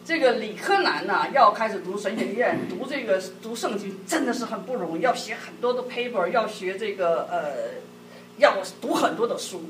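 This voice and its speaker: A middle-aged woman giving a sermon-like talk on marriage to a church group, telling personal stories in a lively way with frequent laughter. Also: mid-range voice, moderate pace. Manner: lively, laughing often, acts out quotes. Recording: echoey hall, distant mic, background noise.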